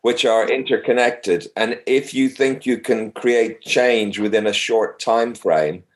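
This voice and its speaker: A man interviewing someone conversationally, feeling his way through long questions with halting rephrasing. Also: medium pitch, low-quality recording.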